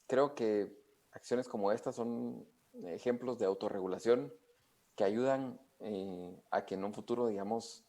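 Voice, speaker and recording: A man with a low voice answers as an expert guest. He explains step by step, pausing often and filling gaps with hesitations. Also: dark tone. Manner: hesitant, many fillers, explanatory. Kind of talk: interview answers.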